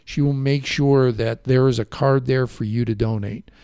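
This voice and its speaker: Gravelly-voiced male radio host. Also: medium pitch, fairly even intonation, moderate pace, warm tone, no echo, clean studio sound. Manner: rambling, self-correcting. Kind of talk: local radio interview. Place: radio studio. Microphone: studio microphone.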